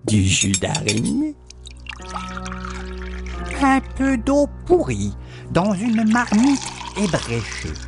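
A woman's voice: mid-range voice, wildly swooping pitch, extremely slow, pauses often, over music. A woman reciting a children's poem with a playful, swooping delivery. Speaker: reader. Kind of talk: dramatic poem reading.

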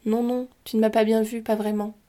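Death herself as a woman, speaking low and patient, silky and soothing, with a dark, mellow tone that never hurries, voiced by a woman reading a tale aloud. The voice stays hushed and gentle. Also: little pitch movement, brisk, close to an everyday voice. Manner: soft, soothing, slightly languid. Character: seductive female Death, calm and patient.

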